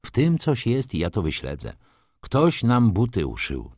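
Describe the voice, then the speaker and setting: A man voicing an excitable middle-aged lawyer who talks insistently and suspiciously. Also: lowish voice, measured pace, breathy edge, dry recording, studio quality, heavily acted.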